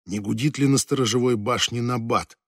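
Man narrating fantasy, dry and measured. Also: medium pitch, no echo. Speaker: audiobook narrator.

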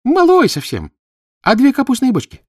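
A man's voice: very high voice, huge pitch swings, moderate pace, no room sound, clean studio sound, voice pushed up, exaggerated voice. A man voicing a shy young village girl with folksy village speech. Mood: naive.

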